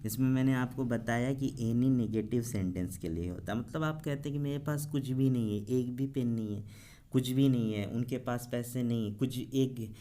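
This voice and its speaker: Male Indian teacher, mid-pitched, explains grammar in mixed Hindi and English, slow repetitions, addresses students as children. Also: mellow. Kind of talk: explaining a textbook lesson.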